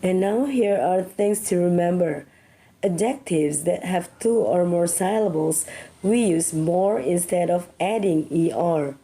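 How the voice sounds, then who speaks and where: A young Indonesian-accented woman talks through a grammar lesson very slowly, spelling out each example. Her voice is soft and mellow. She stretches key words out syllable by syllable. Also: lowish voice, rough recording. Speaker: English teacher. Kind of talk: slow step-by-step grammar lesson.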